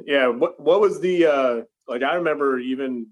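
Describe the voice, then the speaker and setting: Man asking halting interview questions. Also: mid-range voice. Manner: halting questions full of fillers and restarts. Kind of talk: casual interview.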